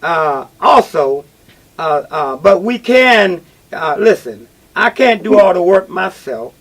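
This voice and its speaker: A man hosting a talk radio call-in show, speaking in a halting, repetitive and emphatic way. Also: high-pitched, lively intonation, crowd noise, poor audio.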